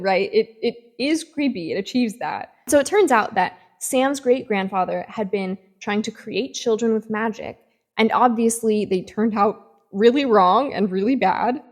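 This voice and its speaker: A woman giving a casual book review, retelling the plot in an animated way with swings in tempo and lots of fillers. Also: a little high, moderate pace.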